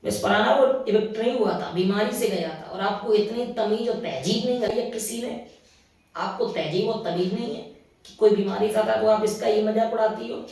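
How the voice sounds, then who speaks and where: A man's voice: sits high, normal speed, gravelly, darkish tone. A man hosting a reaction channel, recapping a reality show in casual chat, opinionated and scolding, often saying "anyway". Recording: very echoey room, voice far from mic.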